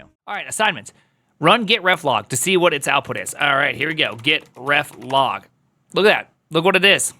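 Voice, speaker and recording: A man leading a live coding walkthrough, talking through commands as he types and joking with his viewers. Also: pushed and bright. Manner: playful, joking asides to chat, jumps high when teasing. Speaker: coding instructor.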